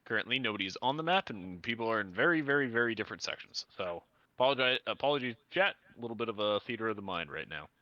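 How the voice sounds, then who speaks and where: A man running a tabletop game as game master, narrating in a relaxed way with frequent hesitations. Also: fairly low pitch, fast talker, no room sound, muffled recording.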